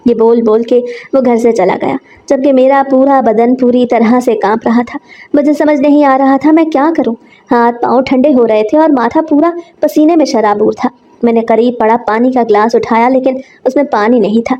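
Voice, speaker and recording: A woman reading an emotional first-person story in an earnest, steady manner. Her voice is a touch high with a mellow, warm tone. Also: moderate pace, highs cut off.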